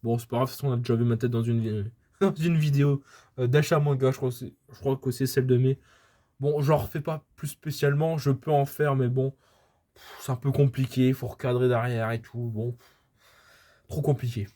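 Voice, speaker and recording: A man's voice: mid-range voice, fairly even intonation, a little fast, mellow. Casual male vlogger, mid-range voice, rambling and hesitant delivery. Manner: rambling, hesitant, many fillers and restarts. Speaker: manga collector vlogger. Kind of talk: casual haul video chat. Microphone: camera filming books, speaker off-frame.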